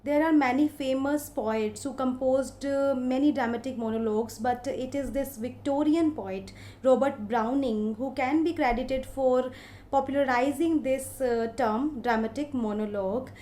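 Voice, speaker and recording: A woman from India with an Indian English accent, giving a literature lecture in a slow, explaining way with many hesitant fillers. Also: sits high, dark tone. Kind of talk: recorded lecture.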